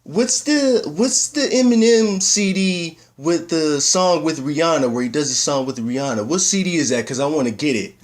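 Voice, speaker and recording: A man imitating his middle-aged mother in a high, shrill, prim voice. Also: normal speed, few pauses, natural voice. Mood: eager. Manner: high-pitched, shrill, fussy.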